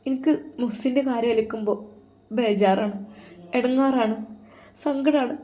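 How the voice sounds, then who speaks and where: A caring elder sister-in-law, as a woman storyteller puts her on, speaks with a Malappuram accent. Her voice sits a little high, and her talk is pleading and tearful. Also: moderate pace, mellow, natural voice. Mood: sorrowful. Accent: Malappuram Malayalam.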